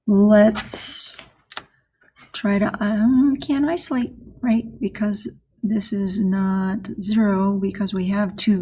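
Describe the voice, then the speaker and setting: Husky slow-talking woman math teacher. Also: mid-range voice. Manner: soft-spoken, explains step by step with frequent "right?" checks. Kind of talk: recorded math lesson.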